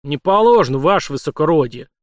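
Gruff bearded Cossack guards, voiced by a man in an audiobook, blunt and sly with rough folksy speech. Delivered loud and close, with a dry sound. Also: a little high, expressive, fast talker, dry recording, lightly acted.

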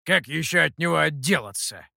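Brief: a male reader plays a brash monkey demon, cocky and quick to threaten, in an audio story. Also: on the high side, expressive, vocal fry, pushed and bright, no echo, studio quality, exaggerated voice. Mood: menacing.

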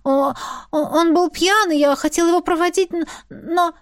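Embarrassed young girl stumbling over her words, high voice, woman doing it. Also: steady tone, normal speed. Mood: flustered. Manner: flustered, stammering.

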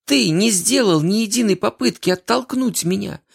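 A man voicing a heartbroken young woman who pleads tearfully and breaks into shrill outbursts. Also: normal speed, gravelly, slightly rough, heavily acted. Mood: furious.

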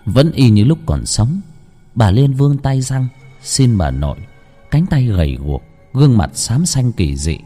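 A man narrating a village ghost story in a hushed, suspenseful storytelling manner. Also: mid-range voice, big pitch swings, a little slow, faint music behind.

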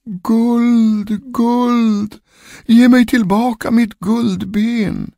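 A man voicing the ghost of a dead lady, crying out from her grave in a high wail, in a spoken ghost story. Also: steady tone, vocal fry, dark tone, dry recording, clean studio sound. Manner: high wailing cry.

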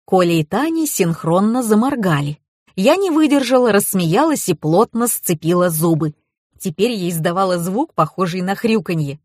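Woman reading an audiobook, wry lively narration, dry close sound. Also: medium pitch, normal speed, no echo. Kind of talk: scripted narration.

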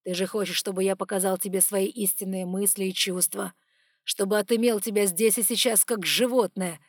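A woman voicing a stern, controlled male dragon who speaks measured and through clenched teeth, in an audiobook. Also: mid-range voice, steady tone, dry recording, clean studio sound, close to an everyday voice. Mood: tense.

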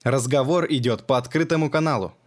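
A man's voice: mid-range voice, a little fast, natural voice. A man voicing a cautious male army major who speaks in short, guarded replies.

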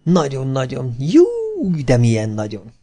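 A man's voice: medium pitch, expressive, dark tone, natural voice. A male audiobook reader voicing a smitten, nervous man who asks eager, breathless questions.

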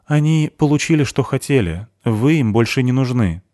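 A man's voice: medium pitch, animated, moderate pace, mellow, dry recording, clean studio sound, pitched above the performer's own voice, natural voice. A grim, clipped young woman, as a man puts her on. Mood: terse urgency. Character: young woman, tense and secretive.

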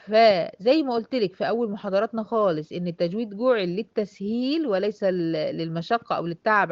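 A woman's voice: medium pitch, no echo. Egyptian woman, tajweed teacher, patient step-by-step explainer, dull dry recording. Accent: Egyptian Arabic. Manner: explains step by step, asks and answers her own questions, drawls out example words. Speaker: Quran recitation teacher. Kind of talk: classroom tajweed lesson.

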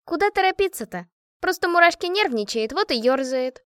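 Sarcastic young woman, read by a woman, mocking, slangy, high voice. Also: animated, brisk, a bit bright, no echo, studio quality. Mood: lazy. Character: young woman, sarcastic, brash team member.

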